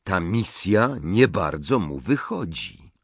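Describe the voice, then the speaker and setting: A man reading an audiobook in a measured, expressive narration. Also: low-pitched, creaky, breathy edge, dry recording. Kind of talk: scripted narration. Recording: dry close studio sound.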